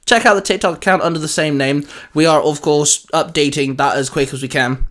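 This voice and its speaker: Slightly high and a bit bright, this man's voice moves fairly quickly. As co-host of a hobby video channel, he talks in an enthusiastic, informal way during a casual, geeky chat.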